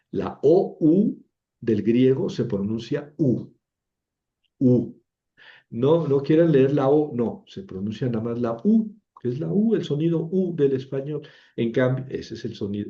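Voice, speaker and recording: Slow, dark-voiced male teacher. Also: mid-range voice, highs cut off. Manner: chatty, self-mocking, repeats words for pronunciation drills. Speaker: Biblical Greek teacher. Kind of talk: informal classroom lecture.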